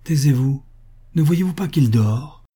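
A man voicing a grieving, dazed old peasant grandmother in a read-aloud story, speaking in a soft but firm, murmuring way. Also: lowish voice, brisk, slightly rough.

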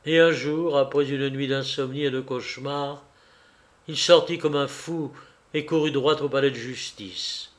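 A man reading a classic novel aloud as an audiobook narrator in a slow, dramatic, measured way. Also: mid-range voice, fairly even intonation.

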